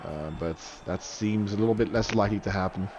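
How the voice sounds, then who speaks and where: A young commentator covers a live online match in a chatty manner, with fillers and restarts, his voice shooting up on goals and saves. He speaks a little fast in a lowish voice, and the recording is muffled with background noise.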